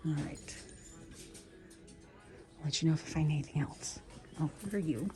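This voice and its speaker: A woman vlogging as she browses a thrift store for vintage pieces to resell, often whispering excitedly to the items. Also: sits low, normal speed, over music. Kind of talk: thrift store vlog narration.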